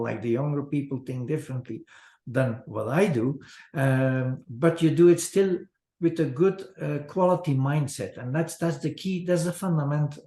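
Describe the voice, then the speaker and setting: An older man from Belgium, a chocolatier, talking in a halting, casual way with many fillers over a video call from an office. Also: medium pitch, mellow, echoey room. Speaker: chocolatier guest. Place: office with large window. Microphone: video call webcam.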